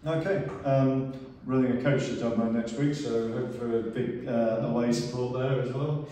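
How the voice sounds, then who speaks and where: A man's voice: mid-range voice, steady tone, moderate pace, mellow, distant mic, slight background noise. A man interviewing the manager after a match, asking brief questions with light humour. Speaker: club interviewer. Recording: echoey room from off-camera.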